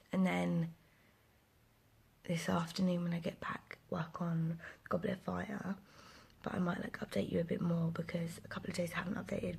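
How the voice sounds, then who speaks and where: Woman, 20s, whispering vlogger; breathy, low and husky, rambling chat, slight sore throat. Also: a little mellow. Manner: rambling, many fillers and restarts. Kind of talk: casual whispered vlog. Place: home, indoors. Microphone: close camera.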